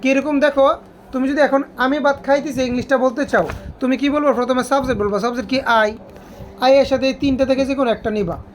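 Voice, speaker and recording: Woman teacher, high voice, keeps quizzing the class. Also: steady tone, fairly quick, slight background noise. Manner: asks students repeated questions. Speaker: English teacher. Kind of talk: classroom grammar lesson.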